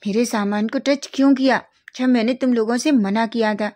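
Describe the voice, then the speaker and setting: A woman's voice: on the high side, fairly even intonation, moderate pace, natural voice. A woman voicing a spoiled, short-tempered young male superstar who snaps and complains in a storybook reading. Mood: angry. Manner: shouting, petulant.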